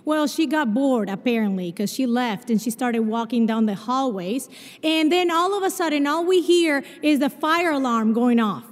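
High-voiced woman preaching with an accent. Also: lively intonation, moderate pace. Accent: Spanish and Portuguese mix. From Argentina. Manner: warm storytelling with self-deprecating humor. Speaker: chapel speaker. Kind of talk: sermon. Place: large chapel, live service. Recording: long reverb of a large chapel.

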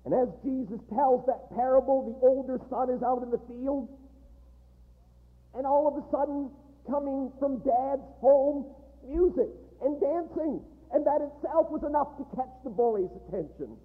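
A man preaching a sermon in a large chapel, emphatic and full of dramatic pauses. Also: very high-pitched. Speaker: guest preacher. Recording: echoey hall, tinny narrow sound.

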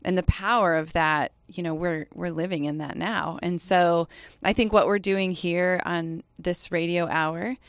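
A woman hosting a campus radio hour from a studio, chatting in a lively way and laughing often. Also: fairly low pitch, a little slow, few pauses, dry recording. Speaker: radio show host. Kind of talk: casual campus radio chat.

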